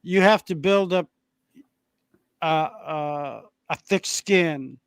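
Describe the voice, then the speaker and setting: A co-host in casual chat, teasing and halting, repeating words as they go. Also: medium pitch, clear, resonant tone, no room sound, studio quality.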